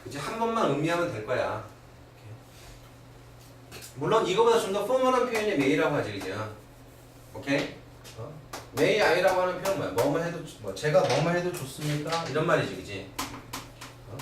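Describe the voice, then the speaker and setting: A man's voice: fairly high pitch, fairly quick, long pauses. A middle-aged man teaching English grammar in a classroom lecture, constantly checking in with his students. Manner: animated, keeps asking "그지?" and "오케이?". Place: academy classroom. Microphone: far camera. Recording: very echoey old classroom recording from far off, faint hiss.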